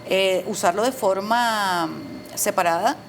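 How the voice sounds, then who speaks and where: A woman's voice: mid-range voice, takes it slowly. A middle-aged woman, a Spanish teacher, patiently explaining spelling rules with examples in an interview. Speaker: Spanish teacher and proofreader, guest. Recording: faint background noise.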